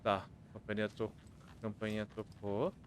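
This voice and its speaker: A man with a Brazilian Portuguese accent streaming a game, reading riddles aloud and thinking out loud. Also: fairly low pitch, monotone, a little slow, a little hiss or hum. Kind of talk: live gameplay commentary.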